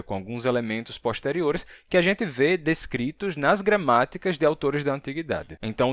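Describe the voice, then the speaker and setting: A man with a Brazilian Portuguese accent teaching a language lesson. He reads Latin slowly, with playful sound effects. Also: mid-range voice, fairly bright tone, dry recording. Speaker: language teacher and channel host. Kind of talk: language lesson with a sponsor read.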